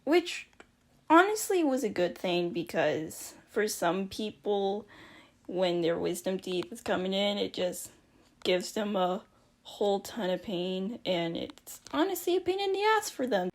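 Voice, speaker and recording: A woman's voice: mid-range voice, animated, measured pace. A woman telling a personal story casually, in a rambling, informal, slangy way. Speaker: storyteller recounting a personal experience.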